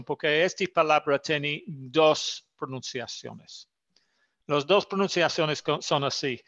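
A man whose first language is English, teaching an English grammar lesson in Spanish, slowly and carefully repeating example words for his student. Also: fairly high pitch, fairly bright tone. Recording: slightly dull lo-fi sound.

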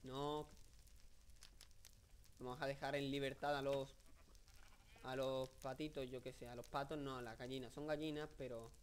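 A young man with a Spain Spanish accent giving casual, rambling video game commentary, joking and excitable, with many fillers. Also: medium pitch, moderate pace, long pauses, a little hiss or hum. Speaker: gameplay commentator.

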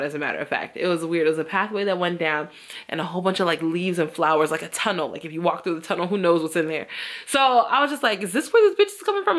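A woman's voice: lowish voice, a bit bright. A young woman vlogger telling a story casually, acting out quoted voices and swearing freely.

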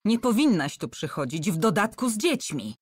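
A woman voicing a frightened but angry young male prisoner who shouts his lines. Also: mid-range voice, big pitch swings, moderate pace, husky, no echo, clean studio sound, voice pushed up. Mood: angry, urgent.

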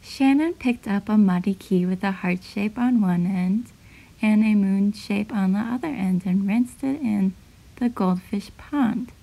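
A woman reading her own children's picture book aloud in a gentle, clear, even storytelling voice. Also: mid-range voice, a little slow, low-quality recording. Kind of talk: storybook read-aloud narration.

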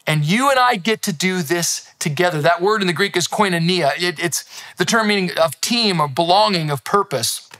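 A pastor in his fifties who grew up in Thailand and now lives in Canada gives an earnest, encouraging sermon from a living room decorated for Christmas, gesturing animatedly with his hands. He's seated close to the camera, speaking at normal speed in a high-pitched voice.

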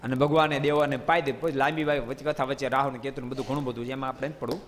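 A man's voice: mid-range voice, racing, slight background noise. Man, storytelling sermon, quizzes listeners, long echo in a big hall. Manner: lively, questions the audience, playful asides. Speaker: preacher.

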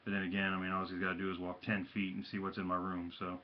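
A man casually showing off his hat and jersey pickups from his room at home, talking haltingly with lots of ums and uhs and slangy shout-outs, and he has the hiccups. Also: deep voice, monotone, lo-fi sound, slight background noise. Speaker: hat and jersey collector vlogger. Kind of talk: casual show-and-tell vlog.

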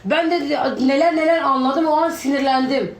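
A woman with a high voice speaks quickly in casual, defensive explanation, pressing her points by repetition. The room around her is noticeably echoey. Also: fairly even intonation. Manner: repeats herself insistently.

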